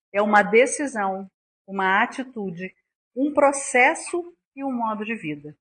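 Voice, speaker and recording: Brazilian woman lecturer, husky, fairly high voice, earnest spiritual talk. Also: fairly bright tone. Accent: Brazilian Portuguese. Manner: earnest, acts out anecdotes with quoted voices.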